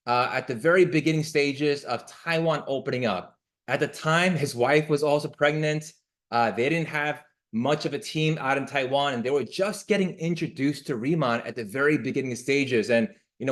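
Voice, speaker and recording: Higher-pitched man hosting a motivational team call. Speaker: host introducing a guest leader. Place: online video call.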